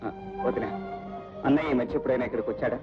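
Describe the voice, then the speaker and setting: A man's voice: medium pitch, very fast, lightly acted. An actor playing an earnest young son who defies his mother in an old film. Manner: earnest, defiant. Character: earnest young son refusing arranged marriage. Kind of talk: 1980s Telugu film acting. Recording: lo-fi film soundtrack with music.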